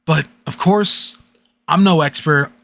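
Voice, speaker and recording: A man's voice: on the high side, gravelly, a bit bright. Man reading creepy stories on stream. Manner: halting, filler-heavy chat between readings. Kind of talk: live-stream story reading.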